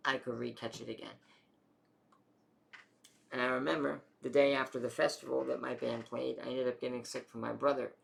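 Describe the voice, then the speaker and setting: A man's voice: medium pitch, gravelly, a bit bright. A young man casually telling his own story in a rambling way, full of fillers and the odd swear word.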